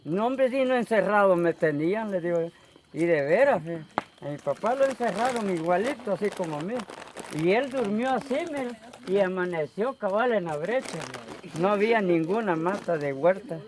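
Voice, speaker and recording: A man's voice: high voice, moderate pace, a crowd in the background. Salvadoran man telling a spooky story. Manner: animated, acts out his own words. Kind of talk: casual storytelling. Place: outdoors by a campfire.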